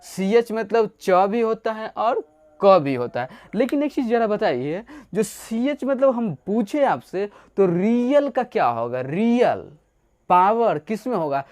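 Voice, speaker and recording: A man teaches an English grammar lesson in a playful way, acting out little stories and asking rhetorical questions as he explains. His voice is high-pitched and a little mellow, very animated yet slow.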